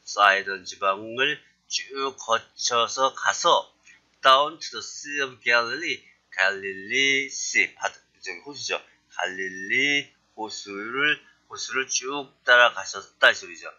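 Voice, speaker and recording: A man's voice: medium pitch, slow, pushed and bright, dull audio. A man teaching a language class who acts out short dialogue lines and then explains them. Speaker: English teacher. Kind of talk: lecture.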